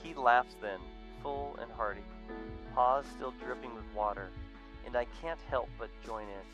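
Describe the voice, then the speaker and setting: A man reading a visual novel aloud in first person, with a reflective, steady storytelling manner. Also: medium pitch, a little slow, over music, rough recording.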